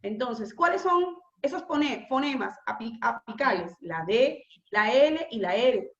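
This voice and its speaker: A woman teacher giving a classroom lecture, explaining patiently, repeating key terms slowly and asking rhetorical questions. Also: a little high, lively intonation. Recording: echoey room, slightly dull lo-fi sound.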